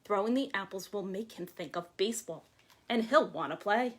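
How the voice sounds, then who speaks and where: A children's librarian in her forties hosts storytime, reading aloud to young children in an expressive, deliberate way with a mid-range voice. She is in a small room at home or an office, beside a window. The home video is clearly noisy and has clicks.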